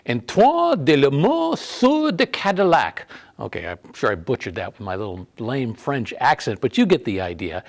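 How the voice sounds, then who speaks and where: A man hosting a video in a car museum, talking in a chatty, conversational way. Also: medium pitch. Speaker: host. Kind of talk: casual presenting.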